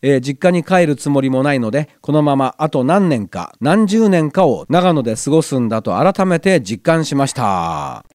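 With a medium-pitched, darkish voice, a very animated radio host talks at normal speed with few pauses and no echo. He hosts a community radio show from a glass-walled cinema studio, chatting casually into a studio mic and reading listener letters aloud.

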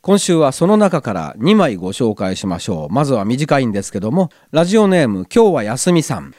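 A radio host chats casually and reads listener letters aloud on his community radio show, speaking into a studio mic in a glass-walled studio inside a cinema. His mid-range voice has big pitch swings, is a little fast and a little mellow, and the recording is dry.

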